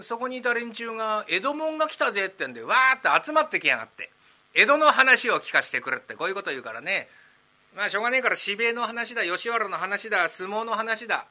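A man playing a brash young Edo tradesman in rakugo, talking loudly and roughly. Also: sits high, pitched above the performer's own voice, exaggerated voice. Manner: loud, rough, quick Edo street talk. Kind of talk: rakugo storytelling.

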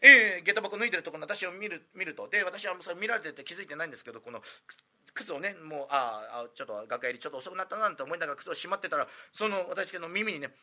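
Fast, animated husky-voiced man. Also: fairly high pitch. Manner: lively, fast, animated impressions. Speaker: storyteller. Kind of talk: comic anecdote telling.

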